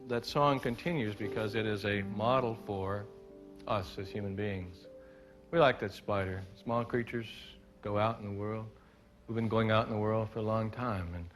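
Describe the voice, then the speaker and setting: A man's voice: fairly low pitch, a bit bright. Man telling stories to a live audience. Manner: playful, leads the audience in gestures and song; reflective, builds to earnest points. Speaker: storyteller and speaker. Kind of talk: live storytelling talk to an audience. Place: stage before a live audience.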